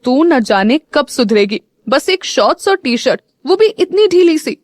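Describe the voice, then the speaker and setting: A woman's voice: a little high, animated, unhurried, no echo. A woman narrator voicing an exasperated middle-aged mother who teases and scolds her daughter. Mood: exasperated teasing. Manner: exasperated, teasing.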